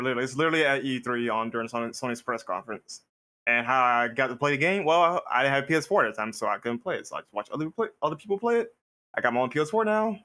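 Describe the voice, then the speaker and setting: Male podcast guest, casual talker, rapid pace, sharp bright tone. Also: medium pitch. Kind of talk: casual chat.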